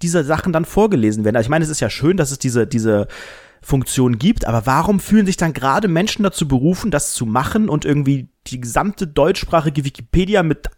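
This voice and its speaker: A man's voice: a little high, expressive, brisk, a little mellow, no echo, studio quality. A man co-hosting a podcast in casual chat, speaking ironically and addressing listeners in a mock-formal way. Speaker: podcast co-host.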